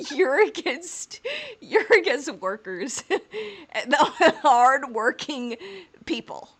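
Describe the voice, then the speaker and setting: This podcast co-host has a high, sing-song voice that's a little bright and unhurried. She rambles, jokes and laughs through a casual chat before reading out an episode's plot summary.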